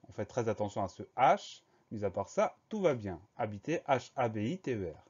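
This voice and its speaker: A male teacher giving a spelling lesson for primary pupils, spelling words out slowly letter by letter. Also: medium pitch, darkish tone. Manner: slow, careful letter-by-letter spelling. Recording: slightly dull lo-fi recording.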